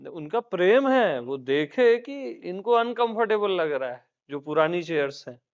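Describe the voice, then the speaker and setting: High-voiced man giving a chatty spiritual talk. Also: big pitch swings, slow pace, dull audio. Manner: chatty storytelling, laughs often. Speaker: spiritual teacher. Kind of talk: informal satsang talk.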